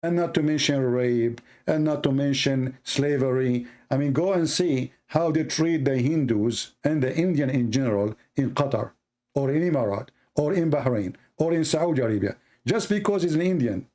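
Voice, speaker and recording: At a moderate pace, a man with a mid-range, darkish voice hosts a live call-in debate stream. The argument runs hot, and he is combative and sarcastic, speaking fluent English with non-native grammar.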